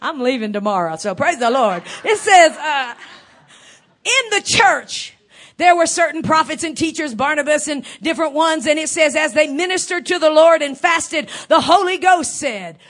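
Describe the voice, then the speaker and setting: A woman's voice: high-pitched, animated, normal speed. A woman preaching an evangelical sermon as a fervent, emphatic preacher who repeats phrases for emphasis. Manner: fervent, emphatic evangelical preacher delivery, swinging from hushed to shouted.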